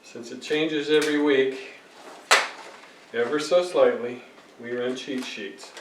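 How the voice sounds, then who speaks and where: A man's voice: medium pitch, steady tone, takes it slowly, far from the mic, background noise. Wry man in an echoey room. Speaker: scripture reader and service helper. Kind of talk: casual explanation. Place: house set up as a worship studio.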